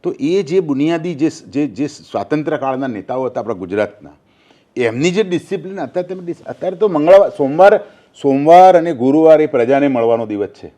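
A man's voice: fairly high pitch, animated, brisk, dark tone. An older man from Gujarat, a former newspaper journalist, talking politics in an interview and telling anecdotes, acting out quoted speech.

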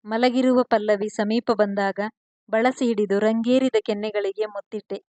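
Woman narrator for romance serial, soft and intimate, mellow tone. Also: medium pitch, dry recording. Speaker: storyteller. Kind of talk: scripted narration of a romance story.

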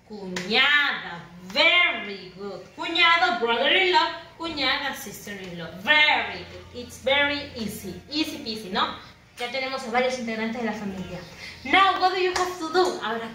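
A woman teaching English to primary school children, slowly drawing out model words for them to repeat and praising them. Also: high voice, sharp tone, a little hiss or hum. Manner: switches between English and Spanish, encouraging praise. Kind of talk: bilingual classroom lesson to camera. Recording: roomy and distant with faint ambience.

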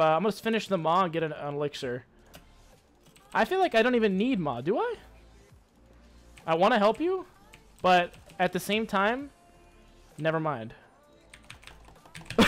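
A young man giving excitable, hyped commentary while playing a video game, swearing and taunting his enemies. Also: sits high. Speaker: gaming YouTuber. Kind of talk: live gameplay commentary.

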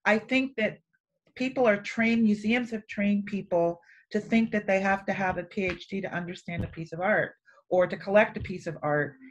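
A woman artist speaking on a panel in a relaxed, conversational way, laughing often. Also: medium pitch, normal speed, slight background noise. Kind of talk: panel discussion.

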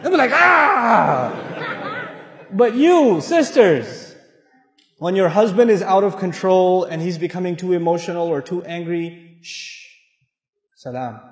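A middle-aged man from Pakistan giving an animated, humorous Islamic talk to an audience in a large mosque hall, acting out voices as he tells stories. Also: sits high, moderate pace, a faint crowd. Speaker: Islamic lecturer. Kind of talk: sermon-style talk with storytelling. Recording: echoey hall with long reverb.

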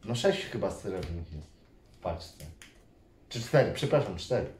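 A man's voice: low-pitched, sing-song, a little slow, darkish tone. A man, a father hosting a toy unboxing video with his son, who talks to viewers and builds suspense with playful energy. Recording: echoey room.

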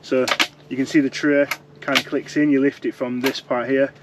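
A man's voice: medium pitch, flat delivery, moderate pace, background noise. A young man chatting casually as he reviews fishing gear from inside a tent, rambling and restarting his sentences. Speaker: fishing vlogger.

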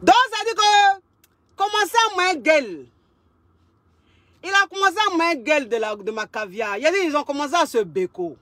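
A woman relationship coach tells a story in a casual monologue. Her voice sits high, and she loves to repeat lines and drop in street slang. The recording is dry, with no room sound. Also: moderate pace, no echo. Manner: lively, repeats phrases for emphasis, street slang.

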